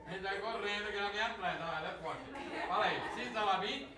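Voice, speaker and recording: A man's voice: high-pitched, quick pace. A Brazilian man working as a kids party clown magician, giving playful patter and short coaxing instructions to a volunteer. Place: large echoey room with audience. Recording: echoey, distant, noisy live crowd recording.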